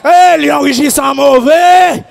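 A Haitian man preaching a sermon as pastor, shouting and half-singing his lines. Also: extremely high pitch, slow pace, gravelly.

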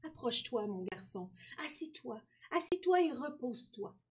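A woman voicing a gentle, generous old male apple tree in a storybook read-aloud, tender and sighing. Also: high-pitched, sing-song, moderate pace, breathy edge, exaggerated voice.

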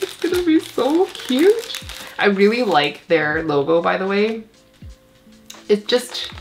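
A Canadian woman with a Canadian accent hosting a casual plant unboxing vlog, chatty and gushing with excitement. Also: on the low side. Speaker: plant channel host.

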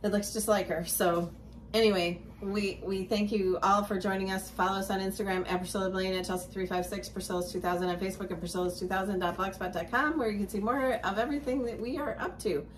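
A woman's voice: mid-range voice, steady tone, fast, distant mic, slight background noise. A woman co-hosting a cross-stitch video show, chatting casually with viewers, friendly and a little frazzled, laughing often. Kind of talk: casual chat, announcements and sign-off.

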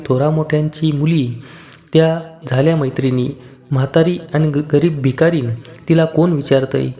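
A man voicing a poor, proud old beggar woman in a devotional story, speaking slowly and indignantly. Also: on the high side, warm tone, lightly acted.

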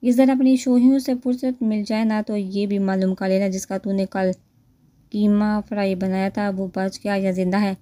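A woman's voice: medium pitch, fairly even intonation, warm tone, no room sound, close to an everyday voice. A woman voicing a sarcastic, irritated young man, read in a plain storytelling voice.

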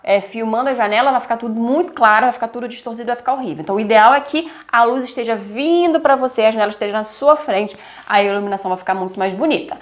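A young Brazilian woman giving YouTube tips in a casual, chatty vlog, often tagging her sentences with quick checks, recorded on a lapel mic indoors at home. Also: on the high side. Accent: Brazilian Portuguese. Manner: chatty, lively, many "tá?" and "né?" tags. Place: indoors at home, lit by a softbox. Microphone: lapel mic clipped to her blouse.

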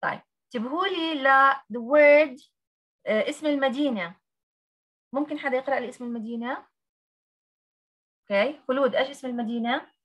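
A woman's voice: high voice, fairly quick, long pauses, dull audio. A woman, teaching English pronunciation on a video call and drilling letter by letter. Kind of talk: online class teaching.

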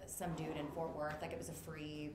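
Speaking in a low, monotone voice at a normal pace, a makeup artist business owner in her thirties shares her career story as a video call panel guest in a casual chat. She's talkative, laughs easily and fills her speech with fillers, and the webcam audio from her indoor room is roomy and noisy.

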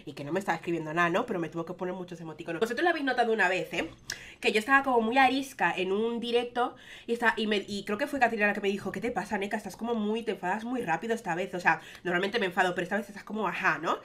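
A young woman rambles through a casual storytime to her viewers. Her voice is bright and forward, at an ordinary pitch. She keeps circling back with filler words as she talks. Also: very fast. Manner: chatty, rambling with many fillers. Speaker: vlogger.

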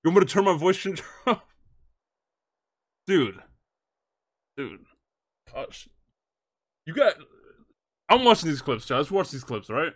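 A man's voice: a little high, very animated, a little slow, pauses often. A man streaming live through a voice changer, talking to his chat in a brash, teasing, profane way.

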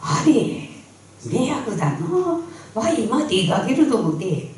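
A woman's voice: a little high, big pitch swings, slow pace, darkish tone, pitched above the performer's own voice. Woman voicing chatty village women, thick Tsugaru dialect. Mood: chatty, polite. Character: chatty old village woman bringing a neighbourly gift. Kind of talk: folktale storytelling. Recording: echoey hall, distant, faint noise.

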